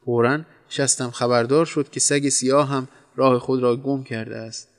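A man's voice: mid-range voice, fairly even intonation. A man narrating a humorous short story aloud in a wry storytelling manner.

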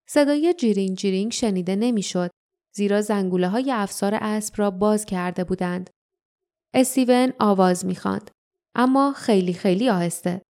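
A woman narrating an audiobook in a calm, measured reading voice. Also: mid-range voice. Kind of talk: scripted narration.

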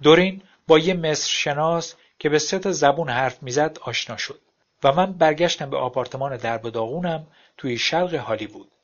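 A man narrating a story aloud in a wry, plain storytelling manner. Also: fairly high pitch. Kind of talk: audiobook narration. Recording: dull lo-fi recording.

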